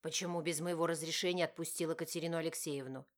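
A woman voicing an angry, domineering young husband who growls and shouts harshly. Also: low voice, fairly even intonation, quick pace, close to an everyday voice.

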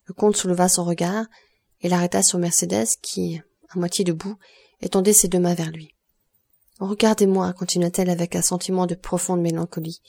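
Mellow-voiced woman reading aloud. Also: fairly low pitch, little pitch movement, brisk, creaky, slightly rough. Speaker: audiobook reader. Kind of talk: scripted narration.

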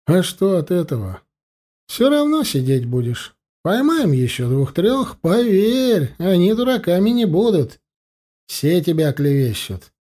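A man voicing a calm, shrewd police investigator in an audiobook reading, coaxing and ironic. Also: high-pitched, unhurried, voice pushed up, full character voice.

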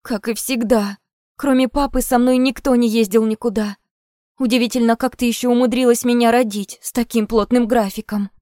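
A woman reading an audiobook gives voice to a high, strained young woman on the verge of tears, lashing out at her mother. Her pitch climbs well above the narration, and the recording is dry and close. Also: steady tone, normal speed, dark tone, dry recording, close to an everyday voice. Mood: tearful defiant. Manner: pleading, tearful outbursts. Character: young woman, upset teacher, tearful and defiant.

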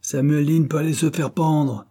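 A man voicing an irritable, lanky glove worker who shouts angrily in a storybook reading. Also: on the high side, fairly even intonation, moderate pace, voice pushed up, close to an everyday voice. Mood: angry. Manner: angry, shouting.

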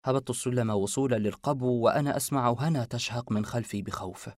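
A man narrating an audiobook in a steady, measured voice of middle pitch. The recording is dry and close, with no room sound. He reads at an even pace. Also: dry recording.

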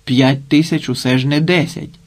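A man reading the lines of an old Cossack elder in an audiobook, in a calm, reassuring way. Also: mid-range voice, normal speed, natural voice.

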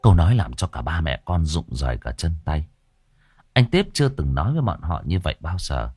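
A man narrating a ghost story in a dramatic, expressive way. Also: extremely low pitch, brisk, husky, no room sound.

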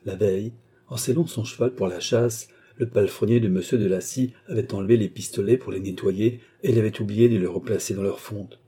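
A male audiobook narrator reading a classic novel with measured, even delivery. His voice is low, very dark and mellow, with a husky grain.

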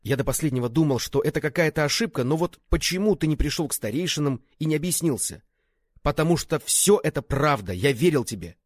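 Enraged young swordsman, betrayed and grieving, yelling high and hard, read by a man with a husky voice. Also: animated, brisk, dry recording, studio quality. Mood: furious shouting. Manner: shouting, raging, accusing. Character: furious grief-stricken young male swordsman.

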